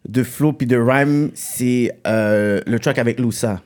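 A man co-hosting an interview, talking in an animated way and mixing English phrases into French. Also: mid-range voice, slow. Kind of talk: casual interview.

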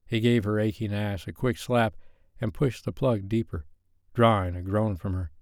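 A male audiobook narrator reads with a low, steady voice. His delivery is measured and even, and the recording is dry and close. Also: no room sound. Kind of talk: scripted narration.

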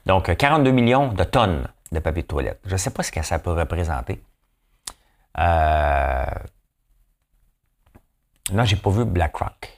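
Lively, low-voiced Québécois man. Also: unhurried, pauses often. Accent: Québécois French. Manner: playful, chatty, keeps asking "hein?". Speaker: podcast host. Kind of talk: casual commentary.

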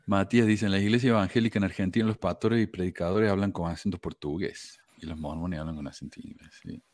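A man's voice: low-pitched, fast talker, no room sound. A man hosting a casual livestream and reading viewer comments aloud. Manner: lively, reads chat comments aloud.

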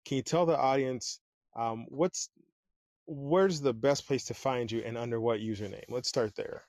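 This podcast host, recorded without echo in a Chicago-area setup, has a mid-range, somewhat mellow voice and a moderate pace. He goes from an upbeat, announcer-like scripted opening to a loose, conversational interview.

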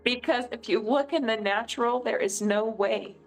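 A middle-aged woman from California speaks as an interview guest, earnest and emotional as she tells personal stories. Her voice sits a little high. Soft music plays faintly behind her. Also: moderate pace, poor audio. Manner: emotional, earnest, animated storyteller. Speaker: political candidate, guest.

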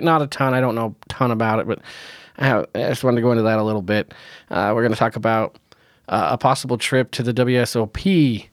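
A man hosts a casual solo podcast, sounding nasal from a cold while being blunt, opinionated, and quick to laugh. His medium-pitched voice is recorded at studio quality with no echo.

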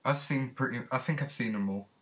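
A man's voice: medium pitch, brisk, fairly bright tone. A man co-hosting a casual comedy chat about films, with dry, wry banter. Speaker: co-host.

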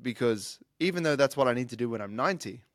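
A fitness coach in his thirties hosts his own podcast, speaking quickly in a mid-range voice with lively intonation. The sound is clean studio quality with no echo, and his casual monologue on life lessons is earnest and reflective, with frequent restarts.

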